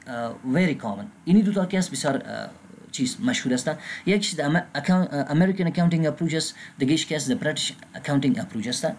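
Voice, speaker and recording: Man, Afghan Dari accent, accounting lecture, slightly high voice, faint hiss behind. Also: lively intonation. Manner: explains in Dari with English accounting terms read slowly; frequent filler sounds and restarts. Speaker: accounting instructor. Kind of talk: recorded lecture.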